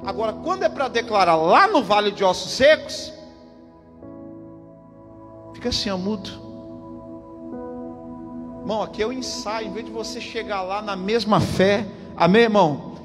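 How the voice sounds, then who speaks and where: A man's voice: sits high, normal speed, pauses often. A man with a Brazilian Portuguese accent, a pastor preaching a fervent, emphatic sermon at a church service and calling out to the congregation. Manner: emphatic, repeats lines, calls out to the congregation. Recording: reverberant church hall with music behind. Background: music and congregation.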